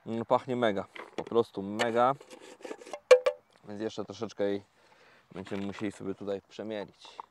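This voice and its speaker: A man talking casually to viewers in a fishing vlog, explaining each step in a relaxed, chatty way with many fillers, recorded outdoors by a lake. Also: on the low side, moderate pace, long pauses, very noisy. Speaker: carp fishing vlogger.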